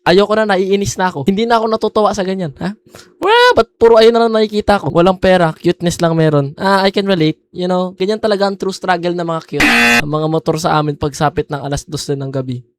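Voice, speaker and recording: A young man, hosting a casual meme reaction video with animated, exclamatory commentary that mixes Tagalog and English. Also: high-pitched, quick pace, heavy background noise.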